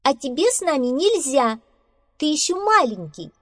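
Woman doing a bossy, high-pitched squirrel. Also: expressive, a little mellow. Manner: brisk, commanding. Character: bold, bossy female squirrel.

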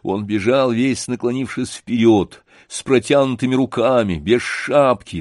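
A man narrating a story in a measured, expressive audiobook reading. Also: on the low side, dry recording, studio quality.

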